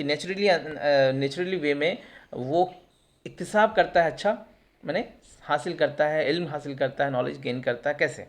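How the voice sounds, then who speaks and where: Male teacher, slightly high voice, patient exam-prep lesson that poses questions and then answers them. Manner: explains terms with English glosses, asks and answers own questions.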